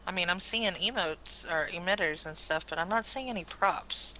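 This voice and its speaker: Bright-voiced woman chatting while gaming. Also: fairly low pitch, moderate pace, poor audio. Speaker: co-player in an online game. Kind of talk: casual gaming chat. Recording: clear background noise.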